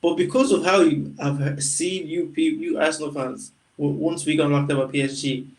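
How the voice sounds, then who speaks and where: Brief: male podcast co-host, higher voice, slangy and blunt, slightly off-mic. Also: fairly even intonation, normal speed, far from the mic, low-quality recording. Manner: direct, argumentative, with casual slang. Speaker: podcast co-host, Liverpool fan. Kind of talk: casual football chat.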